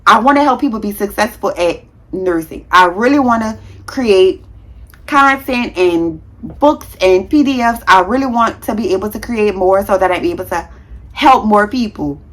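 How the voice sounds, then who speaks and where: A woman in her thirties vlogging straight to her viewers, frank and slangy, calling them y'all. She talks quickly with a heavy tongue and now and then trips over a word and corrects herself. Her pitch sits in a middle range for a woman. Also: fairly bright tone. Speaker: nurse and content creator. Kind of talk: casual vlog talk to viewers.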